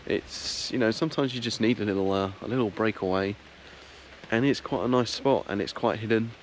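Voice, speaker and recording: A man with a deep, low voice chats casually to his viewers as a solo camping vlogger. His delivery is understated and a little halting. The recording is outdoors in woodland, with noticeable ambient noise behind him. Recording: clearly noisy outdoor ambience.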